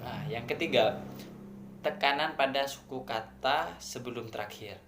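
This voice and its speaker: A man with an Indonesian accent presents a lesson in an academic tone. He is measured and goes through each point step by step, pausing on fillers. His mid-pitched voice rings in an echoey room. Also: fairly bright tone, a little hiss or hum. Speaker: student presenter.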